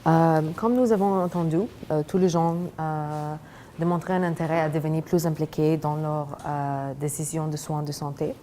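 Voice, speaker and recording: A young woman gives an academic presentation in non-native French with a foreign accent. Her voice is low and dark, and she speaks hesitantly, often searching for words. Faint noise sits behind her. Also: steady tone, moderate pace. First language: not French. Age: young adult. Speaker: graduate student presenting research. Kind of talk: academic presentation of a thesis project.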